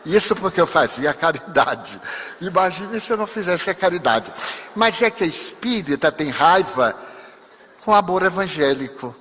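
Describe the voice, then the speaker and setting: Casting: older male lecturer, husky, vivid storyteller, long hall reverb. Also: on the high side, sing-song, moderate pace, a bit bright. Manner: vivid storyteller acting out dialogue. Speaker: spiritist speaker.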